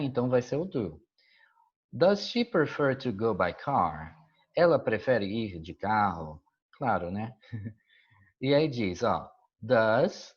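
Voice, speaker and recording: Brazilian guy teaching english, kinda husky, dull lo-fi audio, keeps checking u follow. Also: medium pitch. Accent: Brazilian Portuguese. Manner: patient, checks understanding often. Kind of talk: explaining a school worksheet.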